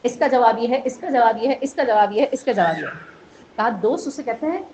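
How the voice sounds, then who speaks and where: A woman's voice: a little high, animated, darkish tone. A woman with a Pakistani Urdu accent giving a devotional sermon at a gathering, telling a story and putting rhetorical questions to her listeners, rising to emphatic peaks. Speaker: zakira, religious speaker. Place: imambargah gathering hall. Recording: echoey lo-fi hall recording with faint hiss.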